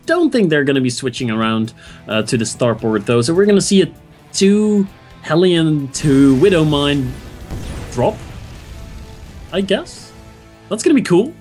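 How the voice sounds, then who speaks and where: Faint music plays behind this male esports caster, whose voice is on the high side. He talks a little slowly and pauses often while introducing players and reasoning through strategy aloud. His play-by-play is enthusiastic and excitable, with frequent laughter.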